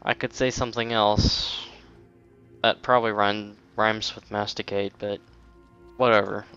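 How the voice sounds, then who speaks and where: Rambling, foul-mouthed gaming commentator, low-pitched. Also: male voice, little pitch movement, unhurried, sharp tone, highs cut off, soft background music. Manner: rambling, swears a lot, self-mocking. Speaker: let's play gamer.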